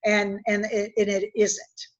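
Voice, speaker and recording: An executive coach from West Virginia talks slowly in a webinar, with a mid-range voice and a completely flat delivery, though she earnestly illustrates her points with anecdotes. The audio is dull and lo-fi.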